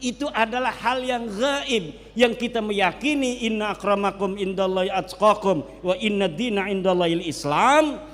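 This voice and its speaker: A man with a Bantenese accent giving an animated religious lecture, switching into regional dialects as he talks. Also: sits high. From Indonesia. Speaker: preacher. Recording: long hall reverb.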